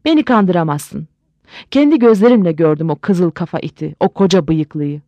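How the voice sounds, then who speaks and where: A woman's voice: lowish voice, animated, moderate pace, mellow, no room sound, dull audio. A woman voicing a heartbroken, drunk middle-aged German husband who rants and sobs in a storybook reading. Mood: ranting. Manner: sobbing, ranting, then gushing.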